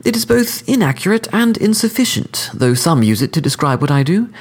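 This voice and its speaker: Casting note: a man doing a cordial, sophisticated killer, pitched high and lifted, lecturing with smug precision, slightly gravelly. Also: big pitch swings, brisk. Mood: cordially smug. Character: suave cordial male hitman, smug, sophisticated.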